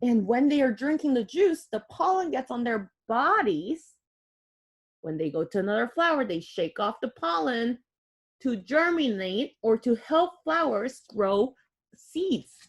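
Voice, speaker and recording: A woman reads a picture book aloud to young children a little slowly, in a fairly high voice with a breathy edge. Her teacher-style reading is expressive and aimed at kids, marked by audible gasps, exclamations, and plain explanations.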